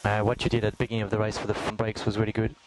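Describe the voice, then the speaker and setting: A man's voice: on the low side, completely flat delivery, very fast. A man working as a race engineer, giving short, precise spotter-style calls and countdowns over team radio. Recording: team radio with crowd-like background noise.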